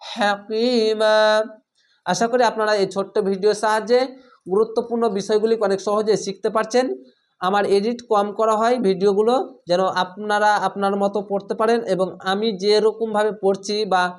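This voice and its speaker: A man teaching Quran reading. He draws out each Arabic word slowly and clearly, then explains the rules in quick, plain speech and repeats sounds patiently for his learners. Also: high-pitched, little pitch movement. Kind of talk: Quran recitation lesson.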